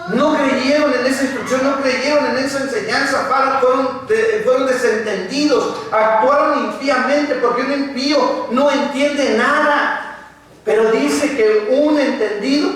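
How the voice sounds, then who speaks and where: A man's voice: very high voice, a little slow, fairly bright tone. A man preaching a sermon to a congregation, often putting rhetorical questions to them. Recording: echoey hall, mic far off.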